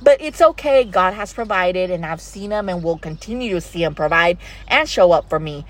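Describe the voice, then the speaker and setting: A woman's voice: on the low side, animated, normal speed. A middle-aged woman hosting a motivational faith podcast, speaking earnestly and preachily and often checking in with "right?". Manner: earnest, preachy, repeats phrases and asks "right?". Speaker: podcast host.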